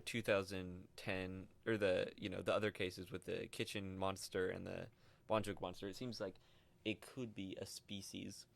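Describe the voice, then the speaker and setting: Young man reading research, low voice. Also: gravelly. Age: young adult. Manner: reads research aloud, stumbles over names, laughs often. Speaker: podcast co-host. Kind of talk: casual podcast chat.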